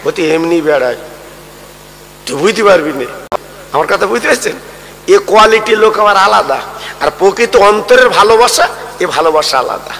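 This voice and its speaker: High, bright-voiced man preaching in a hall. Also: lively intonation, a little fast, vocal fry, pauses often, a little hiss or hum. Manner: sing-song preaching, rising into high wailing appeals. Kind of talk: Bengali waz sermon with storytelling.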